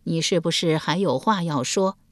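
A woman's voice: lowish voice, moderate pace, no echo, studio quality, lightly acted. A woman voicing a shrewd, stern elderly grand empress dowager who speaks coldly and commandingly in a storybook reading. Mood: measured. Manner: cold, imperious, scolding.

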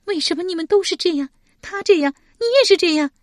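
A woman's voice: sits high, sing-song, a little fast, no room sound, studio quality, voice pushed up. A woman voicing a proud, hot-tempered young woman who snaps sharply at people. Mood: sobbing. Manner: sharp and scolding.

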